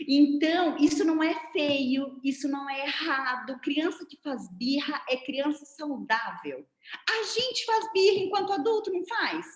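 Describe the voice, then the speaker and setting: A woman's voice: high voice, a little slow. A woman with a Brazilian Portuguese accent gives a didactic online lecture to a seminar over a video call, explaining things with hand demonstrations. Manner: didactic, animated, demonstrating with her hands. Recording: roomy echo.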